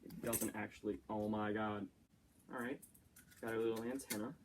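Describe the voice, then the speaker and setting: A young man chatting to himself as a YouTuber, easily excited and joking while he builds and plays. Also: lowish voice, normal speed, background noise. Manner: chatty self-talk, easily excited, jokey. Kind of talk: casual build-and-play commentary.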